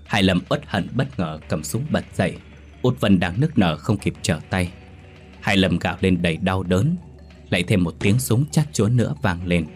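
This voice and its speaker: A man reading a ghost story aloud in scripted narration, steady and solemn. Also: low-pitched. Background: faint music.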